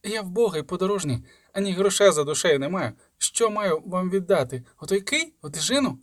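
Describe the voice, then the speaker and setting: A man's voice: high voice, very animated, normal speed, a bit bright, no echo, studio quality, voice pushed up, heavily acted. A man voicing a frightened young male traveller who pleads and cries out in a strained, raised voice. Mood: pleading.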